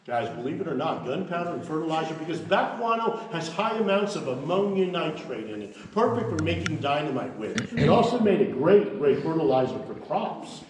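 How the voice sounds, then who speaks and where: Male cave tour guide: high, animated, folksy and jokey, recorded in heavy cave echo from a distance. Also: a little fast, few pauses. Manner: folksy, jokey, keeps calling the group "folks" and "guys". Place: inside a large cave. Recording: cave echo, voice far from the mic, faint noise.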